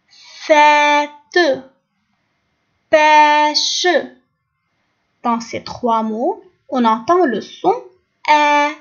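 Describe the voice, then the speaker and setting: A woman teacher with a Lebanese French accent, giving a phonics lesson and pronouncing each sound and syllable very slowly and clearly. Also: on the high side. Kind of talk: recorded phonics lesson for young pupils. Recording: dull lo-fi recording.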